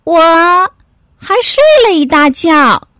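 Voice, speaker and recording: A cheeky little puppy brother, impatient and whiny, squeaking high above the storyteller's usual voice, as a woman puts him on. Each word is clipped and snappy, in a dry, close storybook reading. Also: expressive, takes it slowly, a bit bright, dry recording, heavily acted. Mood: carefree.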